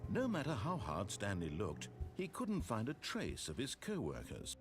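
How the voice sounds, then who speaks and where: A man voicing a wry, omniscient storybook narrator, measured and dry, over game music. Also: lowish voice, huge pitch swings. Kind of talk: scripted narration.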